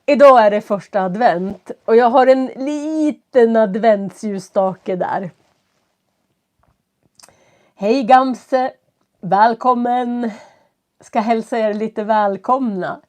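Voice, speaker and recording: A woman with a stuffy nose and a cough, teaching from home and talking slowly and clearly for learners as she greets viewers on a live stream. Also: on the high side, darkish tone. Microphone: computer setup.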